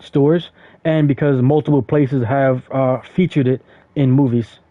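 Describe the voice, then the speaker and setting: Here a male streamer talks through his gameplay in a loose, rambling way, full of filler words and false starts. His mid-range voice stays steady and runs a little slow. There's no room sound, just dry, tinny, phone-like audio.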